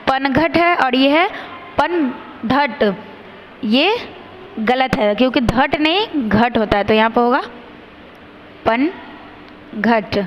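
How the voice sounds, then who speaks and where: A woman teacher giving a grammar lesson to children, saying each sound slowly and carefully, stressing the difference between letters. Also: high voice, animated, dull audio, slight background noise.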